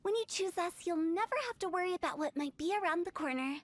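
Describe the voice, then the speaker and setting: A woman's voice: very high-pitched, fast talker. An actress voicing Hu Tao, a young female funeral parlor director who teases playfully and jokes breezily about death, in a game cutscene. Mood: teasing.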